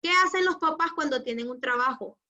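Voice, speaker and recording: Woman teacher, high bright voice, patient, muffled call audio. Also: fairly quick. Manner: patient, affectionate, asks the class questions. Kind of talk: online class lecture.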